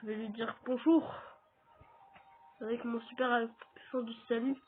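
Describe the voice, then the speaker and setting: Soft background music plays as a French-accented gaming YouTuber chats casually with viewers during a let's-play. His very high voice keeps a level tone and runs a little slow, and the recording sounds tinny and phone-like.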